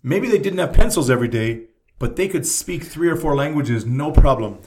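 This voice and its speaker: A Canadian man with a slightly high voice chats casually at a moderate pace, telling stories as an animated, emphatic storyteller full of energy.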